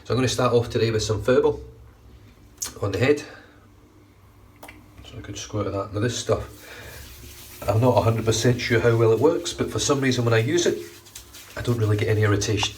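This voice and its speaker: A man in his thirties chats casually as he shaves for a grooming vlog, recorded at arm's length on his phone's front camera in a small, bright bathroom at home. His congested, nasal voice is mid-range and brisk, with frequent pauses, and it sounds a bit distant. He's relaxed and talkative and swears casually while giving how-to commentary.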